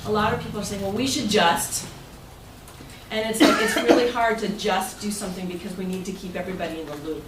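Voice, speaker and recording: Over music, a woman with a medium-pitched voice talks at a quick pace. As club president, she gives an informal, chatty presentation to members in an indoor meeting room. The mic is distant and the room sounds roomy and noisy.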